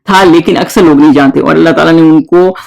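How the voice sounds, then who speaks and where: A man teaching a verse-by-verse Quran lesson. He reads the Arabic verses slowly, then explains them informally with many pauses. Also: a little high, creaky, low-quality recording.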